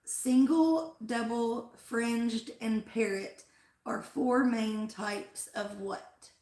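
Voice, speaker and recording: Still recovering from being sick, this woman is losing her voice as she hosts a casual flower-farm livestream in an echoey room. She speaks very slowly, her pitch on the high side and a little mellow, rambling and filling gaps with "like" and "um."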